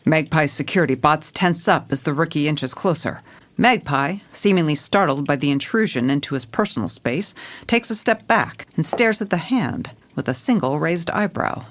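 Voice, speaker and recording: Narrating a noir audio drama, a woman voices a jaded, hard-boiled police commissioner with a dry, world-weary sternness. Her voice sits low and stays animated at a normal speed.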